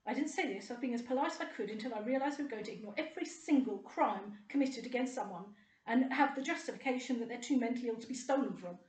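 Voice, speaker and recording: A woman's voice: a little high, quick pace, a little mellow, reverberant. A middle-aged woman, delivering an indignant, rambling and sarcastic monologue to camera. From United Kingdom. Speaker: vlogger.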